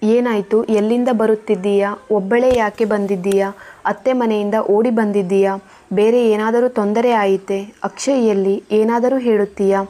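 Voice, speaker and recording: A woman's voice: mid-range voice, fairly even intonation, normal speed, dark tone, lightly acted. A woman reading an anxious middle-aged mother. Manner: worried, questions in a rush.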